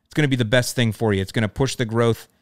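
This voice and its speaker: A man's voice: mid-range voice, steady tone, fast, dry recording, studio quality. A man hosting a how-to show, giving casual advice with emphatic, pushy enthusiasm. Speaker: host of a lawn care show.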